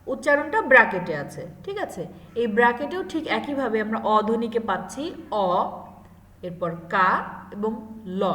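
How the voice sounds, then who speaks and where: A woman's voice: a little high, fairly bright tone. A woman teacher giving a grammar lesson, explaining step by step and asking her students questions. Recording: echoey room with long reverb.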